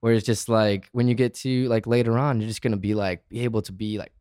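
A man's voice: lowish voice, steady tone, fast, darkish tone, smooth, no echo, clean studio sound. A man hosting a podcast in casual chat, laid-back and full of slang. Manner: laid-back, heavy on slang like bro and dude. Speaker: podcast host.

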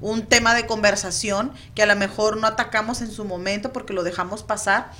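A woman's voice: mid-range voice, fairly even intonation, a little fast, sharp tone, a little hiss or hum. A woman hosting a radio talk show, conversational and full of fillers.

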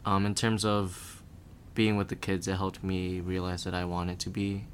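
A young man talks in a low voice, loose and rambling, his sentences full of "like" and "um." Faint hiss sits under the recording. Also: moderate pace. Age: young adult. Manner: relaxed, rambling, full of filler words. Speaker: guest. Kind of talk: casual podcast chat.

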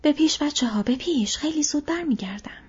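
A woman's voice: high-pitched, a little mellow, pitched above the performer's own voice, close to an everyday voice. A woman reading the part of a loyal, brave young male hobbit in an audiobook, in an earnest, eager voice. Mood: urgent. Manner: eager, raised urgent calls. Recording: dull lo-fi audio.

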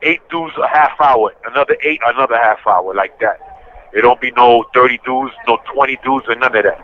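An inmate calls in to a podcast over a prison payphone handset, and the line is muffled with faint hiss. His voice sits in the mid-range and runs a little fast. It's casual phone chat, full of blunt street slang as he rambles through his complaints.

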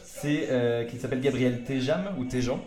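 A man's voice: medium pitch, moderate pace, a little mellow, soft background music. A man co-hosting in casual, joking chat, laughing often. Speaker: co-host. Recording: roomy echo.

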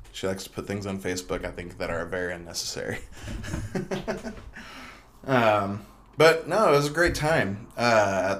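A young man hosting his own podcast, talking casually in a rambling, chatty way full of fillers and restarts. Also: fairly low pitch. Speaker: podcast host. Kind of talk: casual solo podcast monologue.

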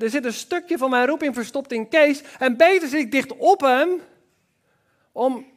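A man with a high voice preaches a church sermon. He talks with enthusiasm and breaks into exclamations. He keeps turning to the congregation and speaking to them directly. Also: fairly bright tone.

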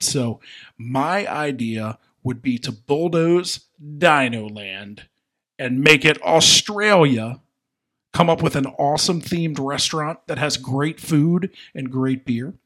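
A man co-hosting a podcast, pitching a theme park idea with enthusiasm in casual chat. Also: fairly bright tone. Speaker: podcast co-host.

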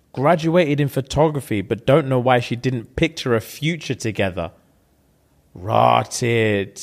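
A man's voice: mid-range voice, takes it slowly, creaky. A young man with a London roadman accent, reading out online comments in slangy, jokey casual banter. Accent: London, urban roadman slang.

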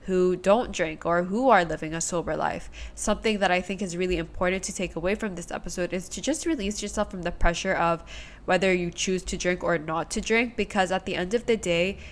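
A woman hosting a podcast, a little under the weather with a nasal, congested voice, speaking in a gentle, upbeat way. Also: on the low side, a little fast, a little hiss or hum. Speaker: podcast host. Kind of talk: podcast intro and interview.

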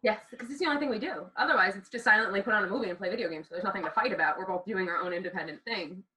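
A woman's voice: mid-range voice, bright, forceful tone, rough recording. A young woman in casual chat, dry and teasing. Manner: dry, teasing, acts out quick dialogue.

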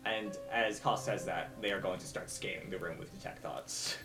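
A player in a tabletop game, thinking out loud in a slightly hesitant way. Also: low voice, fairly even intonation, moderate pace, music in the background. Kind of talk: casual tabletop game play.

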